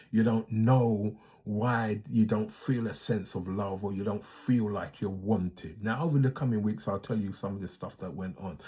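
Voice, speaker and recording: An older man in his sixties talks through the opening of his own series. His voice sits slightly low and has a husky edge. He is earnest and reflective, pausing on fillers and restarting his sentences as he goes. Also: dark tone. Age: 60s. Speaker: host. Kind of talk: casual monologue.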